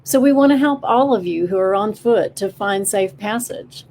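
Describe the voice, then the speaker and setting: Woman doing a calm, kindly council owl. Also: medium pitch, normal speed, a little hiss or hum, natural voice. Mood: steady. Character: wise male owl leading a forest council. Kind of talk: storybook character voice.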